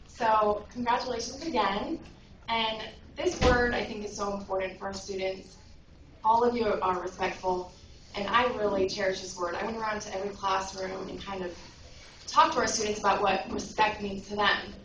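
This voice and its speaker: A woman's voice: mid-range voice, steady tone, normal speed. A woman school guidance counselor giving a speech at a school awards breakfast, telling a story and acting out its voices. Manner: warm storytelling, acts out quoted voices. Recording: echoey room from far off, noise.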